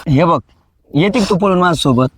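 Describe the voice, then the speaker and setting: An actor playing a nervous young boyfriend who talks softly and pleadingly. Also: male voice, on the high side, brisk, slight background noise, close to an everyday voice.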